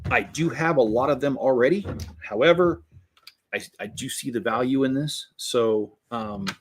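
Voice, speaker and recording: A man talking casually at a middle pitch while he builds, easygoing and a bit sarcastic. His chatter wanders with small restarts as his hands stay busy. A faint hiss of noise sits under the voice. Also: normal speed. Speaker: Lego channel host. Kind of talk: casual build vlog commentary.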